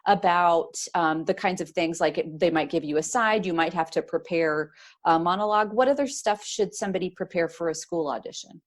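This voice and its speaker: A woman with a lower voice leads the conversation, asking questions and summarizing what her co-hosts say. Her delivery is relaxed and conversational, with a friendly moderating lilt. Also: a little fast. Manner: warm moderator, asks and sums up. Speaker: host. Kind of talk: casual panel chat.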